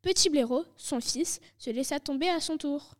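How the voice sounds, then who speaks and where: A woman's voice: high-pitched, moderate pace. A woman reading a storybook aloud, taking turns and echoing words with a partner. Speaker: reader.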